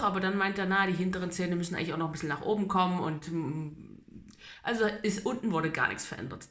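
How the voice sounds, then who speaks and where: A vlogger wearing braces chats casually in a personal video diary, giving an update on their treatment. The voice is mid-range, pushed, and bright. It's a roomy home recording with noticeable echo.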